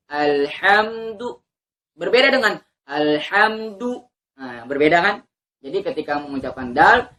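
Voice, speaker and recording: A woman teaching Quran reading, patiently drilling letter sounds and reciting verses slowly and drawn out. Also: fairly low pitch, a bit bright. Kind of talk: teaching letter pronunciation to learners.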